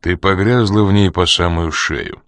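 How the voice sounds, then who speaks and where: A man voicing a cold, menacing man who presses a woman with slow, quiet, threatening questions. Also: low voice, lively intonation, no room sound, heavily acted.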